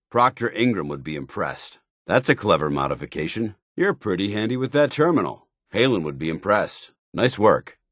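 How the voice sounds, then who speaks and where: Paladin Danse, stern soldier with dynamic pitch. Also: male voice, a bit bright, no room sound, clean studio sound. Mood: measured, concerned. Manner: clipped, authoritative military delivery. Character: stern, dutiful male paladin soldier, righteous military companion. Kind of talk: video game companion voice lines.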